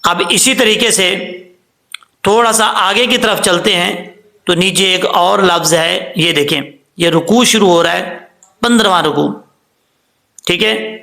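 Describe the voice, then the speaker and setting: A man teaching Quran recitation, patiently spelling out syllables slowly and chanting the verses. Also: sits high, gravelly, pushed and bright. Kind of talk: tajweed lesson, spelling out and reciting words slowly.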